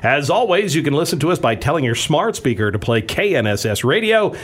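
A man's voice: a little high, very animated, brisk, breathy edge. A man hosting a radio talk show, reading a scripted introduction. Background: music bed.

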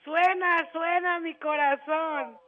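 A man's voice: extremely high pitch, fairly even intonation, slow, narrow, tinny audio, very noisy. A man voicing a troubled woman client in a comedy radio sketch, clumsily repeating chants after the healer.

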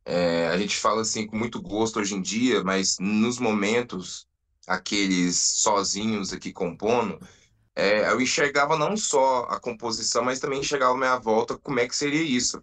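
Bright-voiced man telling his band story. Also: fairly low pitch. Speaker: band founder, interviewee. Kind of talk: reflective storytelling.

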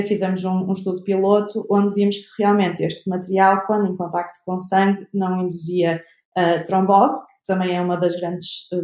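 A young woman with a European Portuguese accent explains her research in an interview. She talks hesitantly, full of fillers and restarts. Her voice sits a little low and carries a roomy echo. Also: a little mellow. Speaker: researcher guest. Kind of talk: interview answers.

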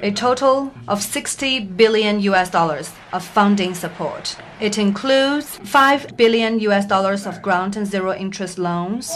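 A woman interpreter speaking a translation voice-over of a formal speech, in a measured, formal delivery. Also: mid-range voice.

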